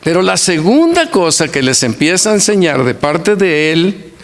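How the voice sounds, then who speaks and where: A man's voice: high voice, sing-song, moderate pace. An older man preaching an earnest sermon, repeating his points and weaving in homely stories. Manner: earnest, repetitive preaching with folksy anecdotes. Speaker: pastor. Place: church.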